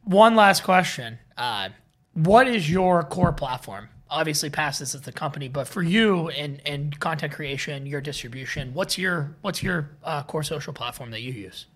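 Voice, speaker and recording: A man's voice: fairly high pitch, animated, normal speed, a bit bright. A man hosting a podcast, asking questions and musing at length, often restarting his phrases and repeating words. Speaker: podcast host. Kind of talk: interview questions and commentary.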